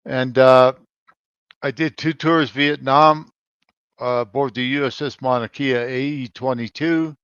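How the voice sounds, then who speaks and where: Older man on a lo-fi call, halting speech. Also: medium pitch, steady tone, clear, resonant tone, no room sound. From Colorado, United States. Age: 70s. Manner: halting, with frequent pauses and swings in loudness. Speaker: navy veteran guest. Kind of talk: conversational interview answers.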